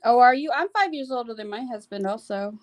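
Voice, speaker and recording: A woman's voice: fairly high pitch, expressive, brisk. A woman in her forties hosting a casual livestream, who chats in a friendly way and answers viewers by name. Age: 40s. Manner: friendly, reads viewer comments aloud. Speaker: livestream host and makeup seller.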